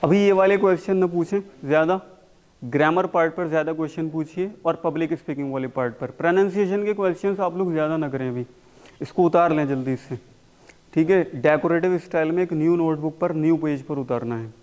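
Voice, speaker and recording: A man teaching a spoken English class, mixing Hindi and English and slowly repeating words for his students to copy. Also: a little high, a little mellow. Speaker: English communication coach.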